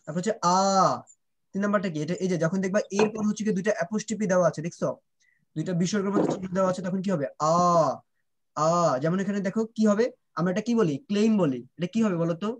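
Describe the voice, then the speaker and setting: A man's voice: high voice, racing, a little mellow, a little hiss or hum. A man teaching children pronunciation in an online class. He drills sounds and keeps asking whether the students understand, switching between Bengali and English.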